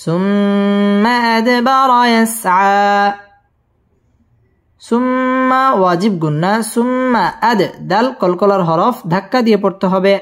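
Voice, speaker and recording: A man teaching tajweed who spells each word of a verse letter by letter, then recites it slowly and repeats it. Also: high-pitched, soft background music. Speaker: Quran teacher.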